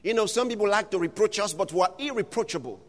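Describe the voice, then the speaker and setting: A man preaching a fervent sermon, reading scripture aloud, calling out to the congregation and shouting refrains, at times slipping into speaking in tongues. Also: sits high, expressive, fast talker. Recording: long hall reverb.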